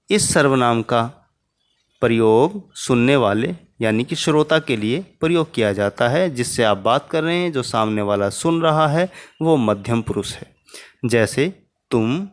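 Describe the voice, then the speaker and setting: Male teacher, children's grammar lesson, unhurried delivery, patient, mid pitch. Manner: slow, patient, spells out examples.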